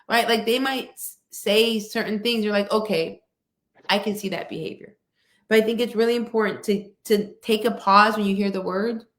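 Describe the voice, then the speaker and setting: Woman guest, mid pitch, measured and emphatic, video call, roomy echo. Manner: steady, measured delivery; emphatic, rhetorical "right?". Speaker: guest speaker. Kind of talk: conversational interview answer. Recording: echoey room.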